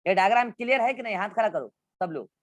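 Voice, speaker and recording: A man's voice: high voice, animated, fast talker, no echo. A male biology teacher giving an online class in with English science terms, walking students through textbook diagrams and repeating instructions.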